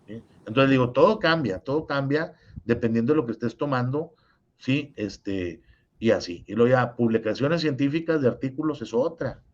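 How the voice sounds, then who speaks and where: A man's voice: mid-range voice, expressive, moderate pace, dull audio. A man with a Mexican accent teaching a review lesson over a video call, explaining step by step and often checking in with his listener. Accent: Mexican Spanish.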